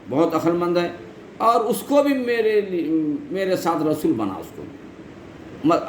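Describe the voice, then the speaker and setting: A man's voice: on the high side, a little mellow. A male teacher reading scripture translation lines and retelling each in plain everyday speech. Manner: reads a line then retells it in plain speech. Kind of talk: Quran translation and explanation lesson. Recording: echoey room with faint noise.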